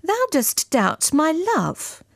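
A woman's voice: high-pitched, wildly swooping pitch, takes it slowly, gravelly, dry recording, studio quality, voice pushed up, heavily acted. A woman voicing a young maiden who exclaims and questions in archaic speech. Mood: anxious. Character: young maiden, loving and wondering, easily startled.

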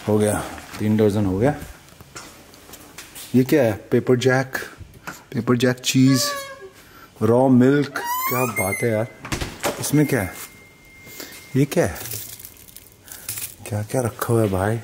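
A man's voice: medium pitch, takes it slowly, long pauses, background noise. A man in his thirties from India, vlogging in casual, playful chat with a friend while walking around a farm. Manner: excited, playful banter with a friend. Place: outdoors on a farm and in a small farm shed.

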